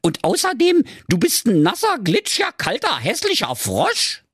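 A man voicing a spoiled, rude rich young woman in a shrill falsetto with a Berlin accent. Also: huge pitch swings, normal speed, fairly bright tone, slightly rough, dry recording, clean studio sound, heavily acted. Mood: snippy.

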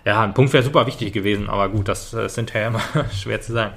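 A man's voice: fairly low pitch, racing, vocal fry, background noise. A man co-hosting a casual football podcast, talking hesitantly with many fillers and restarts. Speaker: podcast co-host.

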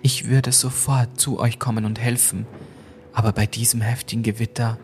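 A man's voice: mid-range voice, level tone, moderate pace, a little mellow, slight background noise, natural voice. A man voicing a worried female friend on the phone, speaking urgently and insistently. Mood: instructing.

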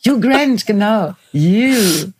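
A woman's voice: mid-range voice, animated, very slow, slightly rough. A woman co-hosting a podcast from home, chatting eagerly and often trailing off mid-sentence before starting over. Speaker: podcast co-host. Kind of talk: casual chat.

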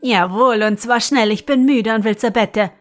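A woman reading as a gruff, grumbling griffin. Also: a little high, moderate pace, faint music behind, natural voice. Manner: loud, grumbling, demanding. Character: gruff male griffin, golden-feathered, irritable.

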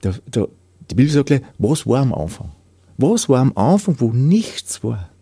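A man tells of his faith in an earnest, heartfelt way and sinks into hushed whispers at the points that move him. His voice is dark and husky. It is recorded dry and close, with no room sound. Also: medium pitch, very animated, normal speed, dry recording. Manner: earnest, drops into soft whispers when moved. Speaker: believer giving testimony. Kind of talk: personal faith testimony.

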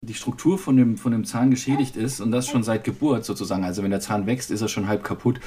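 A woman in her thirties hosting a casual family podcast at home with her children, patient and gently scolding, laughing easily. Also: extremely low pitch, fast talker.

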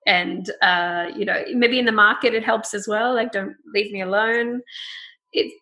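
A woman's voice: medium pitch, steady tone, moderate pace, bright, forceful tone. A young woman hosting a podcast in casual chat, chatty and laughing often as she mimics phrases. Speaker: podcast host.

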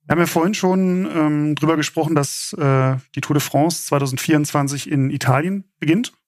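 A man hosts a quiz game in a casual, conversational game show host manner. His voice sits a little high for a man. The sound is dry, with very little room in it. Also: fairly quick, a little mellow, dry recording. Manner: informal game show host, chuckling and explanatory.

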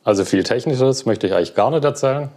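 A young man being interviewed, talking relaxed about his work with many fillers. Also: medium pitch, fast talker. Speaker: guest, cloud platform engineer. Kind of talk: casual interview.

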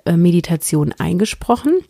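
A woman's voice: on the low side, very animated, normal speed, vocal fry, mellow, husky, no room sound, studio quality. A woman introducing a podcast as its host, speaking directly to the listener. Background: faint music.

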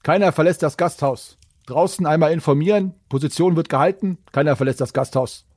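A man's voice: fairly high pitch, brisk, a little mellow, no echo, studio quality, natural voice. A man voicing a stern town guard sergeant in a fantasy tabletop game, giving clipped orders. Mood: commanding. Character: stern, commanding male town guard sergeant in full armour.

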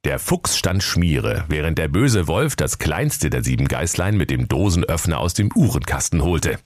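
Brief: deep male narrator for a funny fairy tale, very animated, dry close-miked. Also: normal speed, no echo. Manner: lively, playful storytelling.

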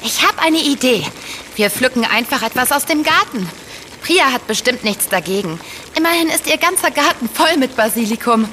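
An actress playing a practical, level-headed young woman in a children's audio drama, calm and gently teasing. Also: high voice, normal speed, a little hiss or hum. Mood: cheerful. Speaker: Anna, lead in audio drama.

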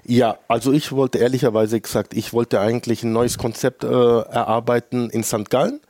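A man's voice: mid-range voice, steady tone, normal speed, a little mellow, no echo. A man in his late thirties from the Allgäu, a chef answering interview questions in an earnest, reflective way with many fillers. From Germany (Allgäu). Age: late 30s. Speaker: two-star chef, guest. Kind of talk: casual interview.

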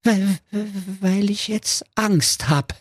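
A whiny big bad wolf from a comic storybook, squeaking high with a Saxon lilt and swinging all over its pitch. it is greedy at heart and quick to turn scared, as a man puts it on. the voice comes through raspy and dry. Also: sing-song, fairly bright tone, no room sound, exaggerated voice. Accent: Saxon German.

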